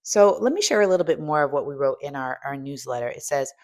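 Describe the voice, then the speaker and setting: Speaking quickly and with animation, a fifty-something woman who coaches strength and hosts delivers an emphatic motivational talk full of direct questions to the listener. Her voice sits low and has a darkish tone.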